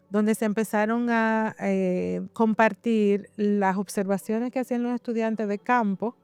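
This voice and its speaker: A woman's voice: medium pitch, a little mellow, clean tone, no room sound. A woman instructor, talking conversationally and often searching for words as she explains academic work. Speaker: university instructor.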